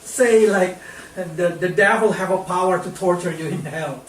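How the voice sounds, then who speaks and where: Slow-speaking preacher with halting English. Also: male voice, sits high, slight background noise. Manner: halting non-native English, repeats words. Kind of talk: sermon preached in English with interpreter. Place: church sanctuary. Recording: echoey church hall, distant mic.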